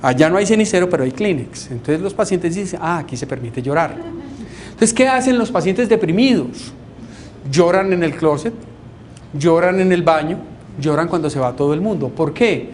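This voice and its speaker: A man's voice: sits high, animated, moderate pace, a little mellow, a little hiss or hum. A man with a Colombian accent, a doctor giving an informal lecture on depression. He is wry and conversational and keeps checking in with the audience. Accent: Colombian Spanish.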